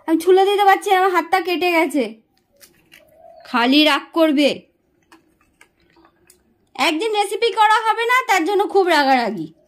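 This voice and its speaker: A woman vlogging with her family, gently coaxing and soothing an elderly mother while talking to her viewers. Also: very high-pitched. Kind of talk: casual family vlog talking to camera.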